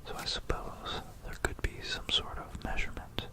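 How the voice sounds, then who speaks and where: Close to a binaural mic, an ASMR host murmurs an informal, meandering account of history. It is all breathy, unvoiced whisper, with pauses, musings, and repeated phrases.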